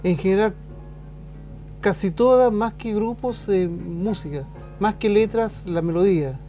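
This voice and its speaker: A middle-aged man with a Chilean accent, a teacher chatting on a talk show, thoughtful and pausing often. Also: sits high, dark tone, faint music behind. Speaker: show host and school teacher. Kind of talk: casual conversation on a talk show.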